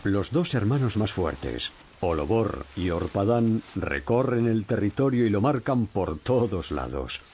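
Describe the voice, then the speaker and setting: A man narrating a nature documentary in a measured, dramatic storytelling manner. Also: lowish voice, big pitch swings, a little mellow, a little hiss or hum. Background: background music.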